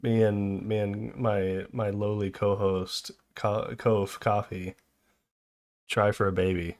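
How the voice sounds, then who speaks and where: A man's voice: fairly low pitch, flat delivery, slow, darkish tone. A man hosting a podcast in casual chat, rambling and laughing often as he trails off and restarts sentences. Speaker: podcast host.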